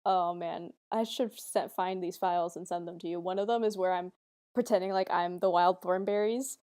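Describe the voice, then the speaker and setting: A young woman co-hosting a podcast, laughing easily and telling stories that trail off quietly. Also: fairly low pitch, fairly even intonation, normal speed, smooth. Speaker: podcast co-host. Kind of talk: casual chat.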